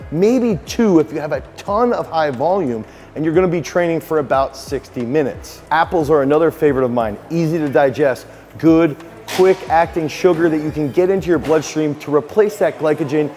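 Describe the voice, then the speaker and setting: A man in his thirties, a strength coach, giving an energetic sponsored explainer on workout nutrition. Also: a little high, in a large hall, a little hiss or hum.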